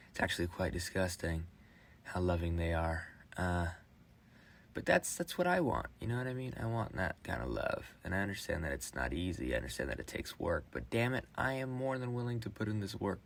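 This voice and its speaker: Young man, late teens, deep low voice, halting rambling monologue, phone voice memo. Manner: halting, with restarts and fillers. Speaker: vlogger.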